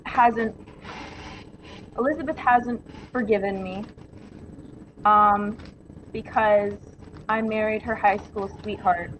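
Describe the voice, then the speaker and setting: A woman's voice: mid-range voice, highs cut off, slight background noise. Hesitant woman playing a mystery game. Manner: hesitant, many ums, giggly. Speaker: murder mystery game player. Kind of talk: in-character murder mystery role-play.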